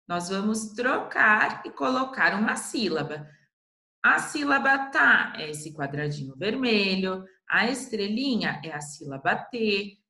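A woman teaching a slow, clear literacy lesson to young children with a Brazilian Portuguese accent, patiently sounding out syllables and checking in often. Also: medium pitch, sharp tone. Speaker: primary school teacher. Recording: echoey room.

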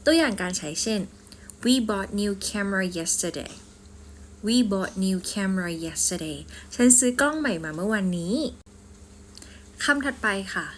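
A woman with a Thai accent, teaching English pronunciation in a polite, deliberate way and saying sample sentences slowly. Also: medium pitch, animated, slight background noise. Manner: slow deliberate example sentences, polite particles. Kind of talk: scripted language lesson.

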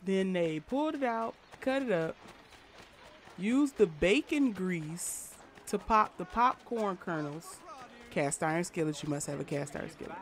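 A woman's voice: fairly low pitch, animated, unhurried. A woman streaming a game live, chatting casually and playfully between bits of play. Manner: chatty, playful, laughs easily. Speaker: gaming streamer. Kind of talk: casual live gameplay chat. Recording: game music playing underneath. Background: game soundtrack.

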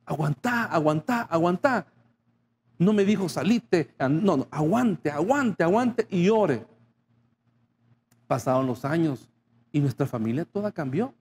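A man's voice: a little high, lively intonation, unhurried, dark tone, a little hiss or hum. A male pastor preaching a sermon, speaking straight to the congregation and acting out short dialogues. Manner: addresses the congregation directly, acting out little dialogues.

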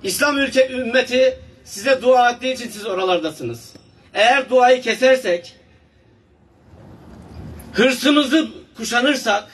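A man's voice: extremely high pitch, slightly rough. A middle-aged man giving a declamatory political speech at a rally. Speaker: association leader giving rally address. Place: outdoor square, stage with PA. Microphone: podium mic, filmed by far camera. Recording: distant mic, outdoor loudspeaker sound.

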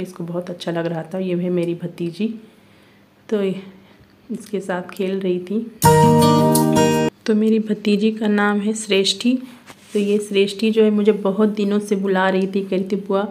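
A young woman with a Uttar Pradesh Hindi accent talks through her vlog in a loose, chatty way, leaning on filler words. Her voice is mellow and warm, sitting in a middle pitch. She keeps an even, flat tone with little rise and fall. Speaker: vlogger. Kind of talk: casual vlog narration.

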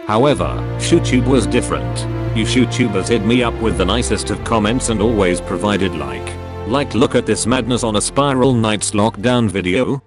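A synthetic male text-to-speech voice reading a YouTuber's channel update in a flat, evenly paced computer manner. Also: on the low side, normal speed, few pauses, music in the background.

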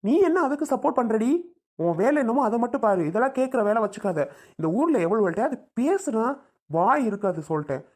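Brief: woman as a harsh, bossy rural husband, rapid-fire scolding. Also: fairly high pitch, animated, a little mellow. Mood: angry. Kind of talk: homemade village comedy skit.

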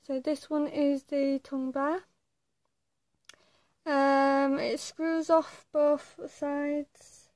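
High-voiced young woman with tongue piercing. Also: little pitch movement, drawn-out words, a little mellow, no room sound. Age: young adult. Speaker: vlogger. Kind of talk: casual chat to camera. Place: small attic bedroom, indoors. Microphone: phone or webcam at arm's length.

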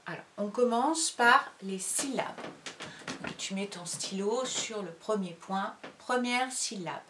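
A woman teacher dictates to young children at a very slow, patient pace, pausing long between words. She calls out each syllable loudly and clearly. Her voice sounds a little distant and echoes around an indoor room. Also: mid-range voice, noisy background. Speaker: primary school teacher.

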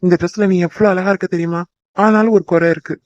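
A man's voice: sits high, fairly even intonation, fast talker, a little mellow, no room sound, dull audio, lightly acted. A young man voicing a teasing, devoted boyfriend in a cartoon, coaxing and joking. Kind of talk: cartoon voice acting.

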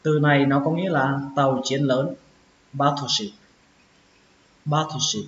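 A man giving a pronunciation lesson, sounding out each word slowly and repeating it several times. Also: mid-range voice, steady tone. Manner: slow, drawn-out repetition of words. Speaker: English teacher. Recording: echoey, dull lo-fi with faint hiss.

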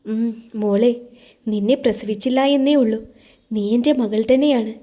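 Caring mom in a malayalam audio story, soothing and earnest, mellow voice, a woman reading it out. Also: on the high side, normal speed, natural voice. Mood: tender, firm. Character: caring middle-aged mother-in-law, protective.

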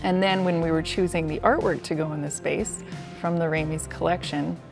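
A woman, the designer, describing a restaurant space clearly in a documentary interview. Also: sits low, fairly even intonation, moderate pace, music in the background.

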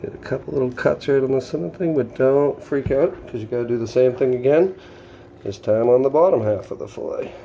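Filleting fish in his own kitchen, a middle-aged Boston-accented home cook walks through the process step by step in a casual, instructive way while working with his hands. His medium-pitched voice is brisk, gravelly, and warm, captured by a camera on the counter with a little hiss or hum.

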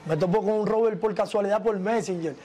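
Man, high voice, animated storyteller, interview guest. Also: quick pace, a loud crowd.

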